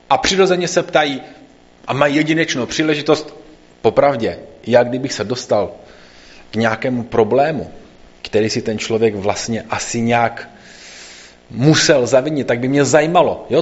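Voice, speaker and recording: A man reading a scripture passage aloud and then explaining it in a conversational sermon, in a slightly dull recording. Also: medium pitch. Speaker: preacher.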